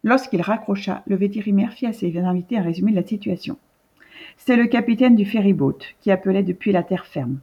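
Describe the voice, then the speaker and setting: A woman reading a storybook aloud in an even, measured way, with a husky voice. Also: medium pitch, dull audio. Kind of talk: scripted storybook narration.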